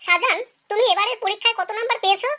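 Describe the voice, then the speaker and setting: A very high, racing, heavily acted voice belongs to a performer playing a strict female teacher in an animated comedy skit. She is stern and bossy, questioning and scolding the pupils.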